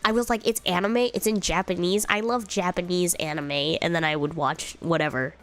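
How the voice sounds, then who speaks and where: Here the young woman's voice is on the low side, her intonation fairly steady and her speed normal. Sounding stuffy and slightly ill, she casually reads out viewer comments, rambling with frequent fillers and giggles.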